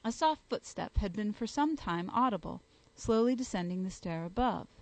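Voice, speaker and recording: A woman narrates a detective story in an even, steady voice at a middle pitch. The recording is dry and close. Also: moderate pace, no echo, rough recording. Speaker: audiobook reader. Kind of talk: audiobook narration.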